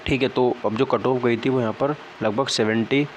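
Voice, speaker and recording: This exam-prep vlogger, a young adult man, talks at a moderate pace with medium pitch and fairly even intonation. His explanations come across as conversational but disappointed and low in spirits, peppered with "okay, right" check-ins. Faint background noise sits under a dull, lo-fi recording.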